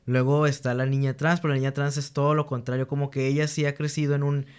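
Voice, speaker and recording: Speaking fast with a clean tone, this young man keeps his medium pitch nearly flat. A teacher being interviewed, he earnestly relates candid anecdotes about his students, acts out what they said, and restarts often.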